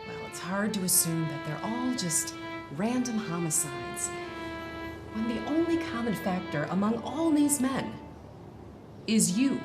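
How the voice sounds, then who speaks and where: A woman playing a tough, businesslike homicide detective in a drama, questioning in a measured, insistent way. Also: mid-range voice, big pitch swings. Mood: accusing. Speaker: actor. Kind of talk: dramatic interrogation scene acting. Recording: loud music behind the voice. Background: loud instrumental music.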